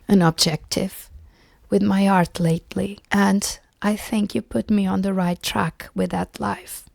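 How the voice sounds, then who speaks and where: A woman's voice: medium pitch, darkish tone, dry recording, clean studio sound. Sick woman whispering with a scratchy voice. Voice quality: scratchy, breathy. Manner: apologetic, chatty, halting. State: sick, voice mostly gone, whispering. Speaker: artist and illustrator vlogger. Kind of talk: casual vlog talk. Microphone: close mic, new to her.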